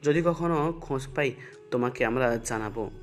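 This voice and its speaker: Male actor as a cautious middle-aged officer in an audio drama, grave and steady. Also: medium pitch, normal speed, faint music behind, natural voice.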